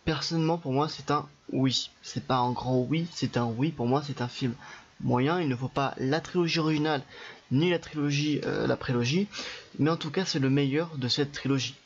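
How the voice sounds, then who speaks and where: A man's voice: mid-range voice, moderate pace, a little hiss or hum. Chatty young French man reviewing. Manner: chatty, loose, full of fillers and restarts. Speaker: film reviewer. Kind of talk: casual video review. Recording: dull lo-fi recording with faint music behind.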